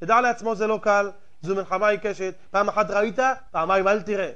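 A rabbi preaching a fiery sermon in a very high voice for a man. He fires off rhetorical questions and swings between loud outbursts and hushed asides. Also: steady tone, clear, resonant tone, muffled recording.

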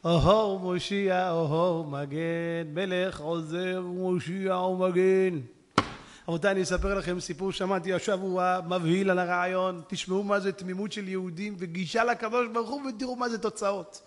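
A man preaching a storytelling sermon, swinging between hushed tones and loud shouting. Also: sits high, fairly even intonation. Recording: long hall reverb.

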